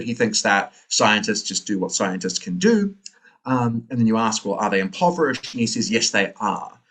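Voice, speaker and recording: A man's voice: mid-range voice, a bit bright. A man with a New Zealand accent giving an academic lecture, thinking aloud with many fillers and tag questions.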